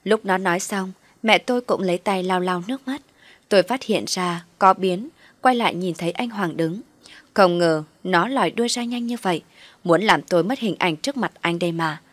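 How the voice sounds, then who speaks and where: Woman reading a story, low voice, dry close sound. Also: normal speed, no room sound. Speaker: story narrator. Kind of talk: first-person story reading.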